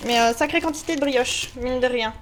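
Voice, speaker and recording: A woman's voice: high voice, brisk, a little hiss or hum. A woman vlogging a grocery haul at home, chatting casually to camera with lots of jokes and laughter, feeling hot. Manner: chatty, joking, laughs often, self-mocking. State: hot and sweaty. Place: at home, indoors.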